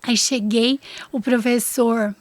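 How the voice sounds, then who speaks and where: Lively high-voiced Brazilian woman storyteller. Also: slow pace. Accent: Brazilian Portuguese. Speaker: podcast guest. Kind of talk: personal testimony storytelling.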